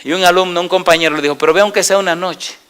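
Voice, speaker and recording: A middle-aged male pastor preaching with a bright, forceful voice that sits a little high for a man. He keeps asking the congregation yes or no, then tells stories in an animated way, moving between loud and hushed passages. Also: rapid-fire, clear, resonant tone. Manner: asks the congregation repeated yes-or-no questions; animated storytelling, swinging between loud and quiet. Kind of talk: sermon.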